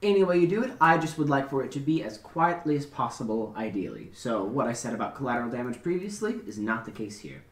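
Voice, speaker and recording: A man's voice: medium pitch, sing-song, fast, hardly any pauses, natural voice. A man voicing a curt male agent boss who hands out a job in a blunt, matter-of-fact way, recorded in a roomy space. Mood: businesslike. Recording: roomy echo.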